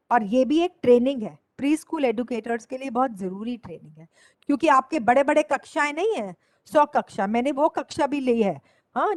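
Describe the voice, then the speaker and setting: Older Indian woman, teacher trainer, high voice, slow drawn-out emphasis. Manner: mixes Hindi and English, drawn-out emphasis on key words. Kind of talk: lecture to educators.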